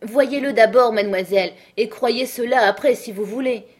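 A simple, loyal old housekeeper, quick to tears and earnest in her protests, as a woman reader puts her on. She speaks plainly, her voice rising whenever she defends the children she loves. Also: fairly high pitch, voice pushed up, close to an everyday voice. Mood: earnest, pleading. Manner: earnest, easily stirred protests.

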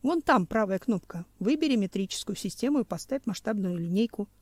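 A woman voicing a brisk, teasing crewman. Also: mid-range voice, animated, a little mellow, dry recording, natural voice. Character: male future time-patrol crewman, brisk and teasing.

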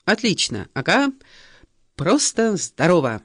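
A woman voicing a nervous, awkward male math teacher who blurts and yelps louder than he should, in an audiobook reading. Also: low voice, huge pitch swings, slow pace, slightly rough, no echo, studio quality, full character voice. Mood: boisterous.

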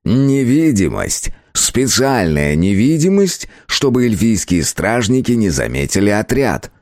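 A man voicing a frightened male alchemist shopkeeper who speaks slowly and politely and stammers when scared. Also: on the low side, very animated, a little mellow, no echo, clean studio sound. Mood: fearful.

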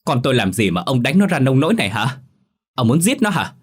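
Man doing a shrill, scolding village mother. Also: lively intonation, fairly quick, slightly rough. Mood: furious. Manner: shrill, sharp-tongued scolding.

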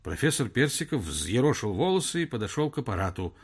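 A man's voice: mid-range voice, very animated, brisk, slightly rough. A man narrating a story in a scripted audiobook style.

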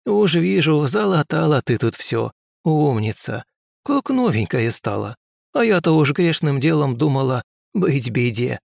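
A man's voice: fairly high pitch, sing-song, unhurried, creaky, a little mellow, dry recording, clean studio sound, pitched above the performer's own voice, exaggerated voice. A man voicing a shrewd, bossy old village wise woman with a folksy, scolding manner. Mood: cooing. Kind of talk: audiobook character voice.

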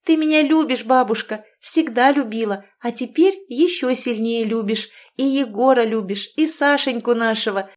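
A woman's voice: fairly high pitch, moderate pace, hardly any pauses, pitched above the performer's own voice, close to an everyday voice. A woman voicing an eager, emotional young mother who insists and pleads with her grandmother, read from a storybook. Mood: loving. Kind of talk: storybook reading.

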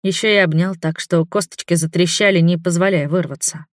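A man narrating a fantasy audiobook in the first person, in an expressive, dramatic way. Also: high voice, a little fast, dry recording, studio quality.

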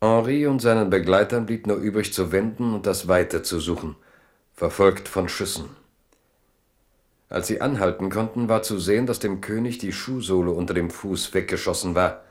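Pitched deep, a male narrator reads literary prose for a radio drama in a storyteller's manner. He delivers it in a measured, dramatic way.

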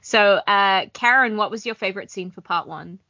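A woman's voice: mid-range voice, normal speed, pushed and bright, dry recording. A woman hosting a casual podcast chat who steers the talk with questions. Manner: chatty, steers the discussion with questions. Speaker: podcast host. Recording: dry, dull lo-fi podcast audio.

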